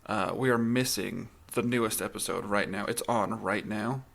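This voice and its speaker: Creaky-voiced man bantering on a podcast. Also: fairly low pitch, moderate pace, a bit bright. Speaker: podcast co-host. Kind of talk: casual chat.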